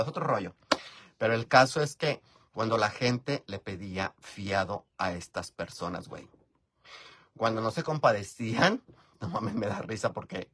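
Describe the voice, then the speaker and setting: A middle-aged Mexican man from Michoacán, a drag performer vlogger, tells a long, rambling story while doing his makeup in his bedroom at home. His voice is lowish, slightly husky and a bit bright. He talks into a close phone camera, chatty, full of fillers and casual swearing.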